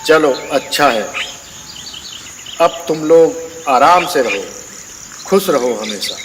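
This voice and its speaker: Storybook holy man, voiced by a male narrator: commanding guru, unhurried, reverberant noisy sound. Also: a little high, lively intonation, a bit bright. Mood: calm. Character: calm male forest holy man, gruffly reassuring guru. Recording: long reverb, clear background noise.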